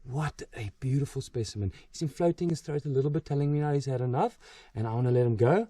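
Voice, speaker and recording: A man presenting wildlife to camera outdoors at night, full of wonder and often dropping to a hushed, gentle voice. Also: medium pitch, animated, fast, breathy edge, dry recording, far from the mic. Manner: awed, repeats exclamations of wonder. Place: outdoors at night in a forest by water.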